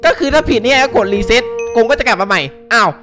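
A young man giving excitable, casual co-op game commentary, yelping and laughing often. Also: extremely high pitch, fast talker. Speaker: gaming YouTuber. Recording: music playing behind.

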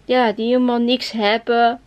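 A woman voicing a grumbling old man in a quiet, muttering way. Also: on the high side, flat delivery, moderate pace, lightly acted.

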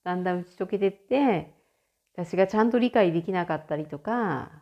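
A woman's voice: on the low side, fairly quick, highs cut off. A woman hosting a casual solo audio chat, chatty and often laughing. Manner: chatty, frequent laughter, animated shifts in tone. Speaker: podcast host.

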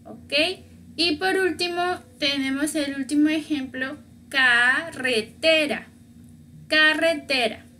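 A woman with a high, bright voice teaches a beginners' language class. She talks at an unhurried pace and repeats each example word slowly and patiently so learners can copy it. A faint hiss of background noise sits under her voice. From Mexico. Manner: patient, repeats words slowly to model pronunciation. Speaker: Spanish teacher.

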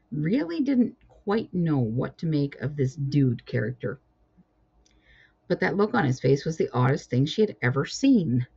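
Low, gravelly-voiced woman reading a storybook. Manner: expressive reading aloud. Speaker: author reading her own book. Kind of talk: storybook narration. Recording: dull lo-fi recording.

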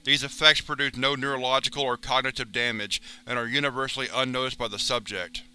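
Man, narrator, very bright tone, smooth clear voice, formal clinical reading. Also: mid-range voice, quick pace. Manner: steady, formal, clinical delivery. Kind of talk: scripted reading of a wiki entry.

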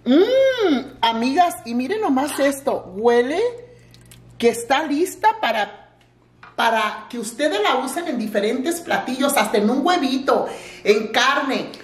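Woman in her 50s, guest cook on a home kitchen vlog, animated and expressive, roomy sound. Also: high-pitched, takes it slowly. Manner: warm, enthusiastic tasting comments, calls viewers friends. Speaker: guest cook, host's mother. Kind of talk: casual cooking vlog.

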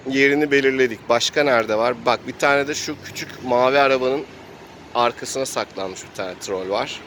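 Outdoors in an urban area, a man hosts and game-masters an improvised role-playing game, narrating it casually and voicing the sound effects himself. His medium-pitched voice is fairly bright and moderately paced, with city noise and passing vehicles in the recording.

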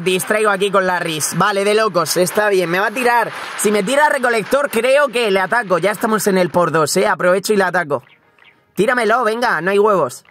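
Young man, high bright voice, hyped gameplay commentary, shouts often, faint hiss behind. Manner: excitable, frequent shouting and repeated words. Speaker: gaming streamer.

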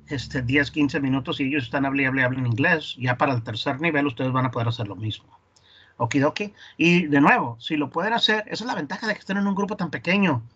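A man's voice: mid-range voice, a bit bright, breathy edge, dull audio. A man with Spanish as his first language, teaching English in an online class in a chatty way and repeating words to drill pronunciation. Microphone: video call.

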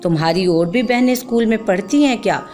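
A woman voicing a kind female schoolteacher who asks her questions softly and affectionately, over faint music. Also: medium pitch, brisk, close to an everyday voice. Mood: gentle. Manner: soft, affectionate.

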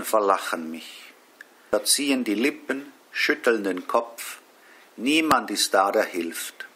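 A man leading a Stations of the Cross devotion, reading prayers and scripture in a slow, solemn way. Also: on the low side, bright, forceful tone, husky. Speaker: prayer leader.

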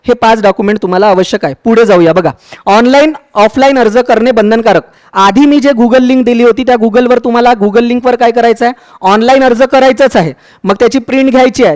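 A high-voiced man with a darkish tone, an education YouTuber, explains a scheme's form as a walkthrough for students. Conversational throughout, he leans on the phrase "ठीक आहे" and his speech is dotted with fillers and restarts.

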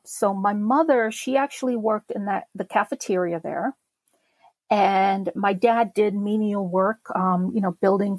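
A middle-aged woman from Czechoslovakia, appearing as a podcast guest, reflects on her childhood in a personal memoir interview. Her mid-range voice carries many fillers and restarts, and there's no echo on the recording.

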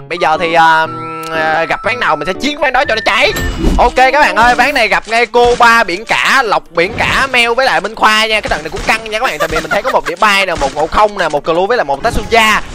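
A man streaming a game, talking fast and excitedly, often exclaiming, over game music. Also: sits high. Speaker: gaming streamer.

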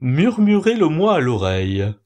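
A man voicing a vain, pompous male owl in a storybook tale, speaking in a drawn-out, wheedling way. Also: fairly high pitch, big pitch swings, darkish tone, pitched above the performer's own voice.

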